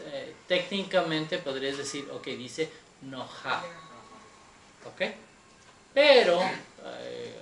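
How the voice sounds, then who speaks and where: A man teaching Hebrew grammar in a Torah class, slow and patient, often checking that his students follow. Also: medium pitch, fairly bright tone. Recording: echoey room with faint noise.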